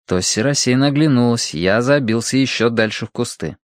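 A man narrating a novel as an audiobook in an even, measured way. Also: mid-range voice, no echo, clean studio sound.

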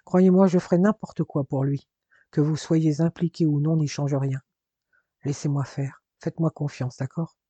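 A man's voice: a little high, fairly even intonation, normal speed, mellow, slightly rough, no room sound, highs cut off. A man reading aloud voices a protective older father who speaks formally and reassures firmly. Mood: firm, reassuring.

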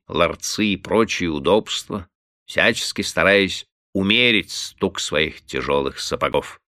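A man reading a classic story aloud as narration, in an expressive, measured storytelling manner. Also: deep voice, no room sound, studio quality. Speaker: audiobook reader. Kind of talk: scripted narration.

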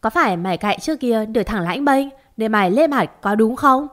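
A woman reading a storybook who voices a domineering older mistress of the house, scolding and yelling. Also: a little high, animated, a little fast. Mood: furious.

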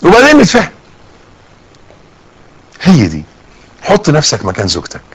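A middle-aged Egyptian preacher delivers a sermon in a fairly high, very animated voice. He jumps up and drops low as he acts out everyday scenes. His talk sounds lively and conversational. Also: moderate pace, husky, poor audio. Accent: Egyptian Arabic. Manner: lively, acts out little scenes with rising and falling voice.

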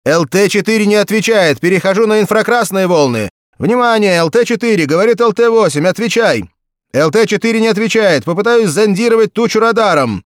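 A man voicing a tense young male pilot shouting urgent radio calls, raised well above his own voice. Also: high voice, expressive, a little fast, no room sound, clean studio sound, voice pushed up.

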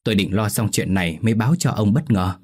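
A man's voice: on the low side, fast talker, breathy edge. A man voicing a young village wife who sounds surprised.

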